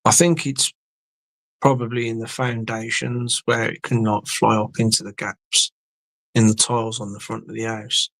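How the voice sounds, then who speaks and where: A man's voice: fairly low pitch, flat delivery, moderate pace, gravelly, fairly bright tone, no echo. A man hosting a livestream, chatting casually with viewers in a rambling way, swearing and sometimes losing his words. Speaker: livestream host. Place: indoor home studio.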